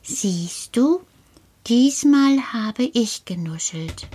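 A woman voicing a cheerful little male creature living in an earth cave, speaking slowly and patiently and often dropping to a whisper. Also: a little high, animated, warm tone, breathy edge, heavily acted. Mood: patient coaching.

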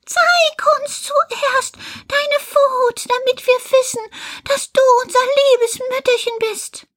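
Squeaky little goat kids. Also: female voice, steady tone, a bit bright, exaggerated voice. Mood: wary. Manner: shrill, drawn-out calling. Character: frightened little goat kids, high and small.

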